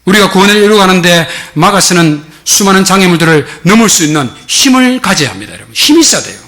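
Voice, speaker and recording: A male pastor delivers a sermon from a church sanctuary, emphatic and exhorting. His voice sits high and bright, and he keeps turning to address his listeners directly as he presses each point home. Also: very animated, quick pace.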